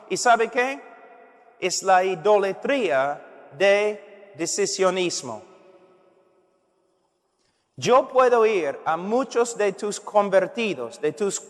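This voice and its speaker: A middle-aged male preacher delivering an earnest, emphatic sermon, heard in a reverberant hall. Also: high voice.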